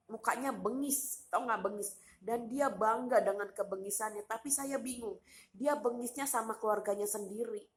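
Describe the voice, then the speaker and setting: A woman vlogger rants to her viewers about a cruel relative, repeating herself, firing off rhetorical questions and using casual street slang. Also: fairly high pitch. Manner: aggrieved, repetitive venting straight to viewers. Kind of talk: eating vlog with a personal rant.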